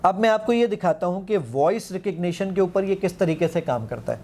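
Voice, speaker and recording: A man's voice: high voice, a little mellow, slight background noise. A man, an app founder, eagerly demonstrating his app in an interview, quoting the commands he gives it and counting aloud.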